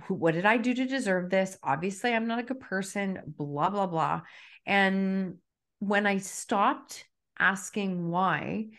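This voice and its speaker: A middle-aged woman talks openly about hard times in a relaxed podcast conversation. Her delivery is reflective and emphatic, with firm stress on key words and an unhurried, sincere tone. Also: medium pitch. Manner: reflective and emphatic, self-disclosing. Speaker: author and guest. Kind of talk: candid conversational podcast talk.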